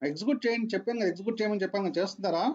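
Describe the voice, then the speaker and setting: A man's voice: sits high, rapid-fire, muffled recording. A man teaching a programming class online, repeating his points patiently. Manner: repeats points, mixes English into Telugu.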